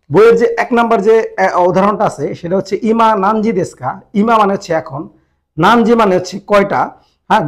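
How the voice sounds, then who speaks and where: High-voiced man patiently teaching grammar. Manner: patient, repeats each point slowly with pauses; addresses viewers directly, pointing them to the book. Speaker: Japanese language teacher. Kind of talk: explaining a grammar lesson.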